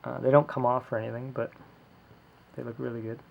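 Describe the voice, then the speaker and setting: Reviewing a figure at home on a small camera, a man with a medium-pitched, creaky voice talks a little fast. This casual hands-on toy review is relaxed and rambling, full of fillers, with lo-fi home video audio.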